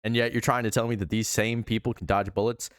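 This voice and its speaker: A man's voice: fairly low pitch, flat delivery, quick pace, clear, resonant tone, dry recording, clean studio sound. A man giving casual, sweary reaction commentary as a streamer, with incredulous asides.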